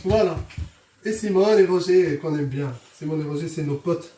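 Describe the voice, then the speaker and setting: A high-voiced man with a Moroccan accent hosts a casual cooking vlog from his home kitchen, presenting a recipe as a home cook. He talks at normal speed in a mellow, chatty, joking way, treating viewers like friends. The recording sounds roomy, with a distant mic and faint noise.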